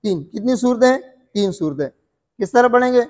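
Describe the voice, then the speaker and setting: A man's voice: very high-pitched, animated, normal speed, a little mellow, long reverb tail. A male Quran recitation teacher giving a classroom lesson, repeating each question and answering it himself, often checking whether the students follow.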